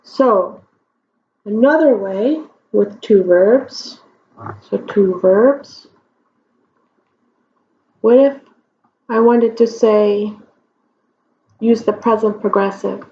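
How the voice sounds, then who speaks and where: Patient language teacher, woman, drawn-out pacing, frequent "okay?" check-ins. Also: medium pitch, dark tone. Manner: slow, deliberate explanations with frequent check-ins. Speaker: Spanish teacher. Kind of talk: whiteboard grammar lesson. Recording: dull lo-fi recording.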